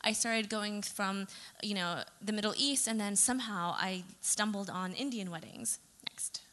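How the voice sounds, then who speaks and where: A woman's voice: mid-range voice, measured pace, fairly bright tone. A young adult woman, a photographer from Saudi Arabia, giving a chatty presentation talk with fillers and self-corrections. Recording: long reverb of a hall.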